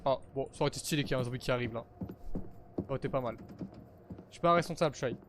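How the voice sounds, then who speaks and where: A male streamer giving excitable, slangy gaming commentary to his viewers, swearing now and then. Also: mid-range voice, rapid-fire, noisy background.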